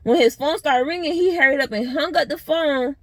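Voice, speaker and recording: A young woman vlogger telling a story in a blunt, animated, profane way. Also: sits high, a little fast, no room sound. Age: young adult. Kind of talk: casual storytime vlog.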